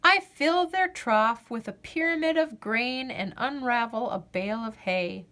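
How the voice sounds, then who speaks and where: This storyteller, a woman with a fairly high voice, reads a picture book for children. She shapes each phrase expressively and with care, lingering on the refrains.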